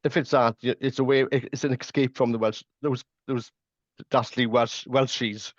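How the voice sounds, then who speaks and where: A man's voice: mid-range voice, fairly even intonation, quick pace, no echo, dull audio. A man interviewing a guest, thinking aloud and repeating words as he shapes his questions. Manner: thoughtful, repeats words while forming questions. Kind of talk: conversational interview.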